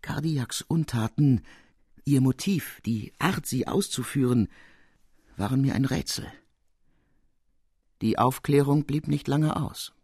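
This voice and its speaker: A man narrating an audiobook in a measured storytelling manner. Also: mid-range voice, a little mellow, slightly rough, dry recording, studio quality.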